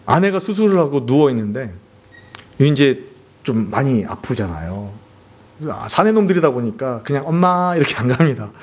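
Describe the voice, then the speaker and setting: A man's voice: very animated, normal speed, darkish tone, husky. A man preaching a sermon as pastor, earnest, acting out family scenes as he makes his points. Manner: earnest, acts out family scenes with sweeping pitch swings. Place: church sanctuary.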